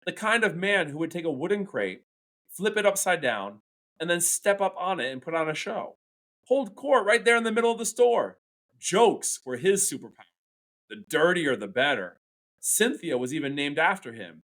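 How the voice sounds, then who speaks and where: A male English teacher reads a novel chapter aloud in an animated storytelling way. His voice sits high for a man and swings widely in pitch as he acts out the lines. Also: moderate pace.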